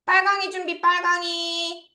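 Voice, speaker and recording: A woman's voice: very high-pitched, monotone, unhurried, pushed and bright, reverberant. A Korean woman teaching English vocabulary to children, repeating words and correcting their pronunciation.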